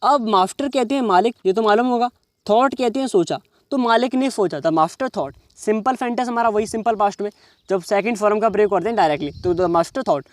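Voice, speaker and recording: A man with a high-sitting voice, recorded dry, teaches an English reading lesson. He reads each English word slowly and then explains it in Hindi. He keeps checking on the listener with "समझ रहे हो".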